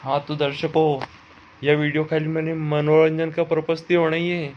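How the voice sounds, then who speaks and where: A man's voice: on the high side, little pitch movement, moderate pace, lo-fi sound, slight background noise. A man with a Malvi accent addressing viewers in a plain, apologetic sign-off. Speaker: cartoon channel creator.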